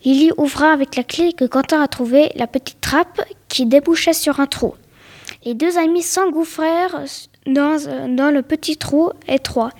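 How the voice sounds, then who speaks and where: A woman with a high voice reads a storybook tale aloud. She tells it plainly, at a steady pace, and trips over a word or repeats one now and then. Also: moderate pace. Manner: plain storytelling read with small stumbles and repeated words.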